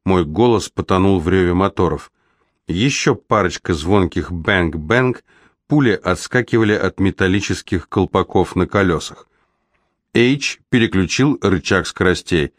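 A man reading a novel aloud as an audiobook narrator, in a steady, even storytelling manner. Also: deep voice, measured pace, dry recording, studio quality. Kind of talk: scripted narration.

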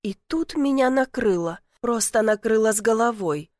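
A woman narrating a first-person audiobook in an emotional, expressive way. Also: a little high, normal speed, no echo, clean studio sound.

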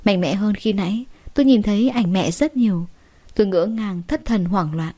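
A young woman tells a first-person story in a steady, dramatic way. Her voice has a mellow, dark tone at a middle pitch. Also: moderate pace.

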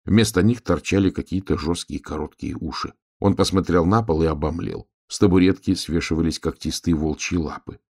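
A man reads a children's fairy tale aloud in a calm, measured, expressive way. His voice is very low with a gravelly texture. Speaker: narrator. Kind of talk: storybook reading.

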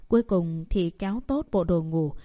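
A woman narrating a serialized romance novel as an audiobook reader, in steady storytelling. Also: lowish voice, moderate pace, no echo, clean studio sound.

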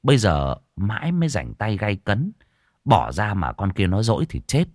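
A man narrating a comic story in a lively, playful storytelling manner. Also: on the low side, moderate pace, no echo, clean studio sound.

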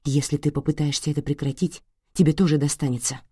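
A tense young woman urges a quick escape in a hushed voice in this storybook reading, voiced by a woman. The voice stays low and controlled. The sound is close and dry. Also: little pitch movement, husky, no room sound. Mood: urgent hush. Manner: hushed, urgent.

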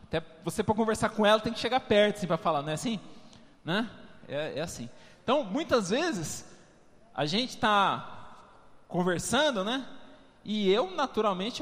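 A pastor preaches in an easy, joking, conversational way, his voice swinging widely and sitting a little high for a man. He keeps checking in with the congregation, and a long reverb trails behind him in the church hall. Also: a bit bright. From Brazil. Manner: humorous, conversational, constant tag questions, addresses congregation as "amados". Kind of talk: sermon.

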